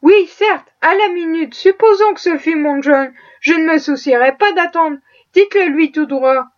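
A woman reading the part of an eager, cheerful young Quaker woman in a raised, brighter voice. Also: very high-pitched, moderate pace. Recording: muffled lo-fi audio.

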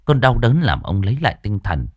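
A man's voice: fairly low pitch, fairly quick, dry recording. A man narrating a ghost story dramatically. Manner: dramatic, expressive. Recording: dry studio voice with faint music.

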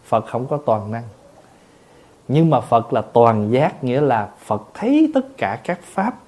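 A man's voice: medium pitch, very animated, unhurried, a little mellow. A man, a Buddhist monk, giving a patient dharma talk, explaining terms word by word and acting out little everyday exchanges.

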